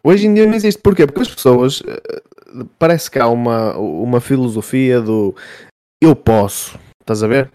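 A man with a European Portuguese accent talks in a casual, argumentative way. His pitch sits in the middle for a man, and the sound is dry, with hardly any room around it. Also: expressive, normal speed, warm tone, dry recording. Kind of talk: casual conversational debate.

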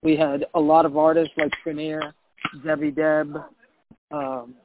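A middle-aged man from Puerto Rico who works as a DJ, answering interview questions in a relaxed, chatty way with many fillers. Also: a little high, measured pace, background noise. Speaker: DJ and former record label marketing director. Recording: phone-like narrow audio.

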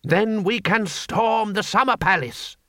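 A man voicing a solemn male revolutionary leader who speaks slowly and gravely. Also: high voice, sharp tone, no echo, studio quality, voice pushed up, exaggerated voice. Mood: earnest.

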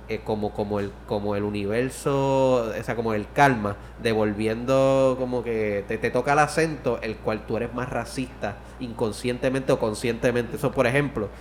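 A man in loose podcast chat, circling back on his own words and swearing freely. His voice sits at a middling pitch, with a faint hiss in the room. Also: moderate pace. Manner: rambling, swears often, restarts mid-sentence. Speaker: podcast co-host. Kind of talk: casual chat.

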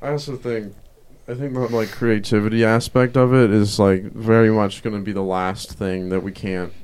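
A young man talks casually with a clean, smooth tone. His voice sits on the low side, and he phrases things loosely and hesitantly, like someone thinking aloud on a podcast. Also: fairly even intonation, normal speed, darkish tone. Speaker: podcast co-host. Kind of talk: casual chat.

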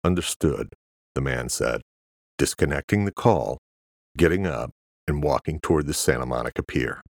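Guy reading an audiobook, super deep gravelly voice, steady pace, dry sound. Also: no echo. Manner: steady, measured storytelling. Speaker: audiobook narrator. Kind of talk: scripted narration.

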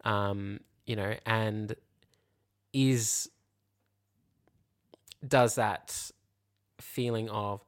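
This podcast co-host has a lowish, steady voice, drawing out his words and pausing often. He talks casually and reflectively, hedging his explanations and leaning heavily on filler such as "you know" and "like."

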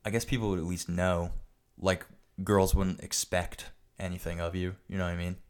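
A young man with a low-pitched voice chats casually as a co-host. His talk is slangy and jokey, full of likes and dudes, with a crude sense of humour. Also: flat delivery, normal speed, clean tone. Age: young adult. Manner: slangy, crude humour, says dude and like constantly. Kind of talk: casual joking banter.

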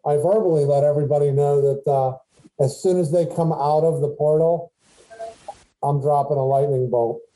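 A man at a tabletop game whose voice sits a bit high. He lays out his moves plainly. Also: fairly even intonation, moderate pace, warm tone, low-quality recording. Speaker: player. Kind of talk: casual tabletop game chat.

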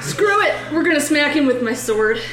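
A woman's voice: sits high, animated, moderate pace, very noisy. A woman playing a tabletop role-playing game, chatting casually and playfully at the table. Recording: echoey room with faint music.

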